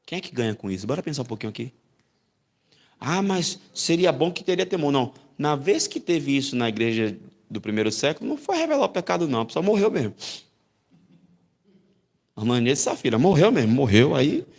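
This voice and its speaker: A man from Brazil teaching a Bible class in a church as pastor, animated and acting out voices. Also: brisk. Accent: Brazilian Portuguese. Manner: animated, acts out voices with big pitch jumps. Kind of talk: sermon-style Bible lesson.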